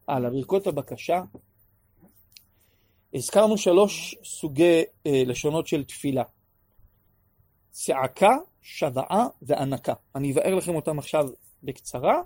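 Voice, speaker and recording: A man teaching a class on prayer in an animated way, acting out pleas and sometimes raising his voice to a shout. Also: on the high side, gravelly, long pauses, husky. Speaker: religious teacher.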